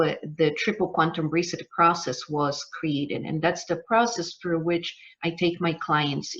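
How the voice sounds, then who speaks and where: Polish-accented woman coaching, lo-fi sound. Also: deep voice. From Poland. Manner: hesitant, many fillers. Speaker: business coach. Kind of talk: live online masterclass. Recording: dull lo-fi sound.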